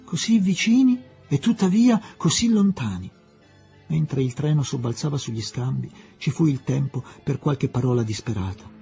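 Guy reading an audiobook, gravelly voice, lively delivery. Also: mid-range voice, normal speed, soft background music. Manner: expressive, dramatic reading. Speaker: narrator. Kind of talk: audiobook narration.

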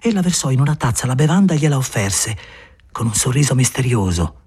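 Man, audiobook narrator, very husky, animated pitch, dramatic reading. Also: fairly quick.

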